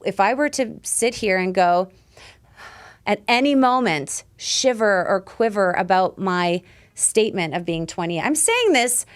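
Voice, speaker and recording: A woman in her forties, a lifestyle coach guesting on a podcast, talking in an emphatic, animated way and swearing freely. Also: medium pitch, measured pace. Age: 40s. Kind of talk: casual conversational interview.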